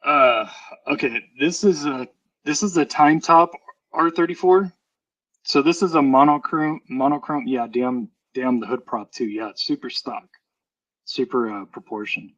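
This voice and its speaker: A man of middle pitch rambles through a live stream, trailing off into fillers and correcting himself as he goes. His voice comes through a headphone mic, so it sounds hollow, dull and muffled, as if he were talking through a tube. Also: measured pace, a bit bright. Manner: rambling, chatty, with many fillers and self-corrections. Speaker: streamer showing a die-cast model car collection. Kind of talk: casual live-stream chat.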